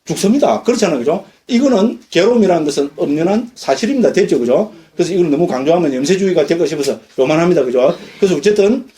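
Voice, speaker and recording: Monk, middle-aged man, high voice, mellow tone, lively lecture style. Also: fast talker, few pauses. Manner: lively, questions the audience often. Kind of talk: dharma lecture. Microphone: lecture recording.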